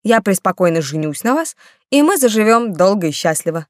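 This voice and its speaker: A woman's voice: medium pitch, very animated, fairly quick, dry recording, clean studio sound, natural voice. A woman voicing a confident, teasing male nobleman who speaks tenderly and playfully in an audiobook.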